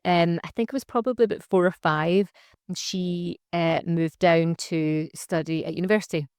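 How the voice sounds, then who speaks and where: A woman's voice: fairly low pitch, steady tone, normal speed, darkish tone, clear, resonant tone, no room sound, studio quality. A young adult woman, a social enterprise founder talking reflectively in a casual interview, with plenty of fillers and restarts. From Scotland.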